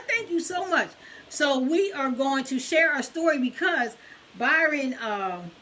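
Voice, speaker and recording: Middle-aged woman chatting on a live stream, high bright voice, keeps repeating herself, faint noise behind. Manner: chatty, repeats phrases, many fillers. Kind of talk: casual live-stream chat.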